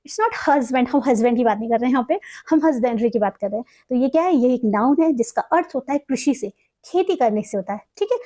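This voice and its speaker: A young Indian woman teaching English vocabulary, explaining meanings and reading example sentences slowly and carefully. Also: sits high, warm tone. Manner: mixes Hindi explanation with slow, carefully read English examples. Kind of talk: explaining word meanings in a lesson.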